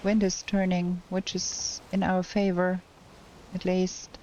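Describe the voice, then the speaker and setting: A woman streamer giving casual gameplay commentary, thinking aloud in a slow, hesitant way, her voice cracking because she is unwell. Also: lowish voice, monotone, darkish tone, highs cut off, slight background noise. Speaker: game streamer.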